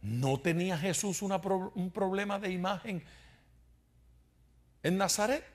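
A man's voice: high voice, a little slow. A man teaching a Bible study in sermon style, asking the congregation rhetorical questions and adding humorous asides. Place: church.

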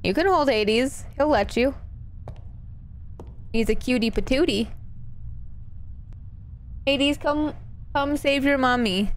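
A woman's voice: sits high, slow, long pauses, a little hiss or hum. A woman streamer giving casual live commentary on a horror game, nervous and scared, with playful, sweary reactions. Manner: sweary, exclamatory; playful, jokey asides.

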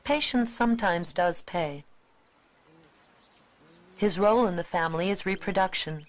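A woman's voice: lowish voice, a little slow. Woman narrating a nature documentary.

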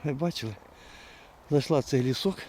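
A man filming his hunt with hounds in fields and woods, giving a hushed, muttered running commentary to viewers on a handheld camera and calling to his dogs. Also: mid-range voice, brisk, slight background noise. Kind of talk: live outdoor hunting commentary to viewers.

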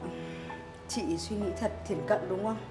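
An actress playing a young single mother who talks to her small son and apologizes to a neighbor, soft and coaxing, with music behind. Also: medium pitch, level tone, moderate pace, lightly acted. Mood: apologetic. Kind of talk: web drama acting.

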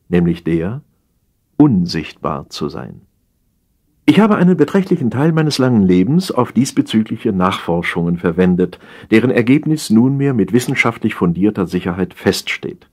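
A man with a fairly low voice reads a humorous satire as an audiobook narrator, telling the story in an expressive, measured manner.

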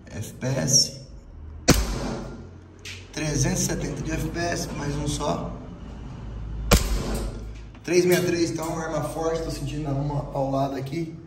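A man's voice: on the high side, steady tone, a little slow, long pauses. A middle-aged man with a Brazilian accent and a thin, cracked, reedy voice, giving a casual, explanatory product demonstration. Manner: informal, explanatory, frequent tag questions. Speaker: airsoft shop product reviewer. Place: indoor airsoft shop and small range room. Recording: roomy echo, faint background noise.

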